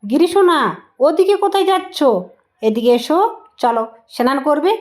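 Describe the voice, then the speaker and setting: A woman playing a mother in a doll role-play vlog, coaxing and affectionate, gently scolding. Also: high voice, expressive, moderate pace.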